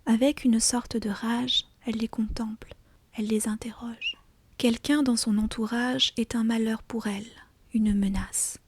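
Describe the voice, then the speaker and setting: A woman reading literary fiction as an ASMR audiobook in a hushed, breathy, deliberate whisper, close to the mic. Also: on the high side, fairly even intonation, no echo. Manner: slow, hushed, deliberate storytelling. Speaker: audiobook reader.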